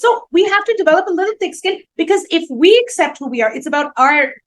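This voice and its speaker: Woman co-host, high-pitched, lively storyteller, casual chat. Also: fast talker, poor audio. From India. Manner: animated, storytelling, emphatic. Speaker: talk show co-host.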